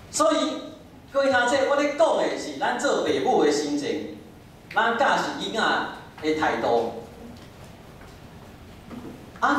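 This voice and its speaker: A man's voice: high voice, a bit bright. A man with a Taiwanese accent preaching a sermon in an emphatic, conversational way, prompting listeners with short questions and interjections. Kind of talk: sermon with rhetorical questions, closing in prayer. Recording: very echoey room, distant mic, faint noise.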